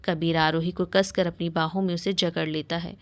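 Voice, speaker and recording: A woman's voice: little pitch movement, normal speed, no echo. A woman reading a romantic story aloud, voicing every character's lines herself. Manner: reads all parts in her own voice, lifting pitch for dialogue. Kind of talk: scripted story narration.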